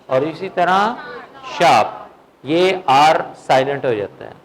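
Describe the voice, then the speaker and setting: A man's voice: on the high side, animated, slight background noise, low-quality recording. A male English teacher giving a classroom lecture, drilling words and answering his own questions. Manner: drills vocabulary, asks questions and answers them himself; slow dictation of English sentences.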